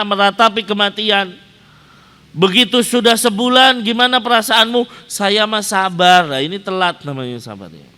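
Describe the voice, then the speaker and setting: Man, preacher, bright forceful voice, echoing hall, animated rhetorical sermon. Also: high-pitched. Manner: animated storytelling, rhetorical questions to the audience. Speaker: Islamic preacher. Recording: long hall reverb.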